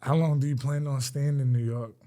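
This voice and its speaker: Male podcast host, mid pitch, slangy and rambling, lots of fillers. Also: steady tone, a little fast, warm tone. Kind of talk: casual interview chat.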